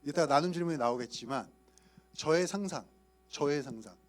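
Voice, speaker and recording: A man's voice: on the high side, animated, normal speed. A male youth pastor giving a playful sermon, often asking his listeners questions. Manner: playful, asks the audience questions. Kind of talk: sermon to young adult leaders.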